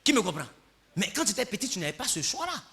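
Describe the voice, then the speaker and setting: Animated preacher with bright, lively voice. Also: male voice, high voice, quick pace. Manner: animated preaching, swinging from quiet asides to shouts; acts out little dialogues between people. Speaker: pastor. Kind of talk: sermon.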